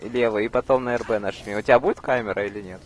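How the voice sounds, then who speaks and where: A man's voice: on the low side, fairly even intonation, very fast, slight background noise. A young man chatting casually while gaming, playful and prone to exclaiming and stumbling over his words. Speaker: gamer in co-op let's play.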